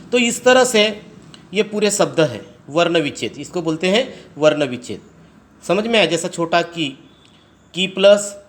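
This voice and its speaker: A man teaching a grammar lesson to students, spelling words out sound by sound and asking them quick check questions. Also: high voice, a bit bright. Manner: explains step by step, asks students rhetorical check questions. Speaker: Hindi teacher. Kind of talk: classroom lesson.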